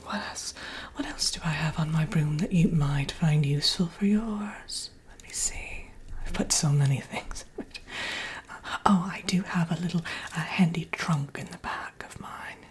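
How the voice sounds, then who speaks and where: A woman's voice: low voice, a little slow. Woman as a whispering, fussy Wicked Witch. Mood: chatty, musing. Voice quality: breathy whisper. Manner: hesitant, chatty, calls listener dearie, gently scolding. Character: Wicked Witch, prim fussy villainess fond of brooms. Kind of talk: whispered ASMR roleplay. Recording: audible background noise.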